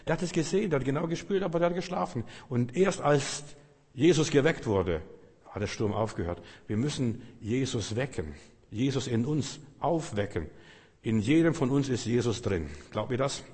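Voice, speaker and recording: Husky man preaching in a hall. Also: mid-range voice. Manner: emphatic, acts out prayers and cries loudly. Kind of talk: sermon. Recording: long reverb of a large hall.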